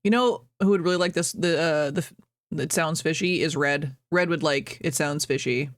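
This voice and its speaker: A woman's voice: deep voice, moderate pace, no room sound, studio quality. A young adult woman streamer chatting casually at home, rambling, reading chat aloud and laughing often. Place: at home, birds outside.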